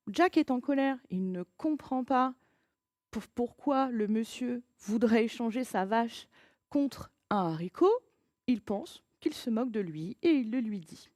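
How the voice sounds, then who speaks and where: A woman teacher giving a recorded grammar lesson to children, patient and encouraging, reading example sentences with lively emphasis. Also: fairly high pitch, dry recording, studio quality.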